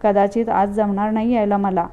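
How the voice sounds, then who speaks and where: A woman voicing a worn-out young father in a storybook reading, soft, tired and subdued. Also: medium pitch, little pitch movement, normal speed, smooth, natural voice. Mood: weary.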